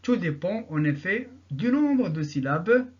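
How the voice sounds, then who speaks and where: A man teaching an English grammar lesson, repeating each example sentence slowly and answering his own questions. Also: high-pitched, big pitch swings, lo-fi sound.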